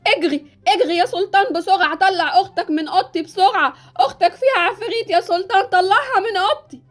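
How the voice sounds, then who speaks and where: A woman's voice: high-pitched, very animated, brisk, soft background music. A woman voicing a scolding, easily scared stepmother in a Roblox series, with an Egyptian accent. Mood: panicked. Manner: scolding, shrieking.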